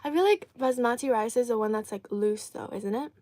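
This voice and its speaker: A woman's voice: fairly high pitch, a little fast, dark tone, no room sound. A woman live streaming an eating show, chatting casually and answering viewers while chewing and talking with food in her mouth.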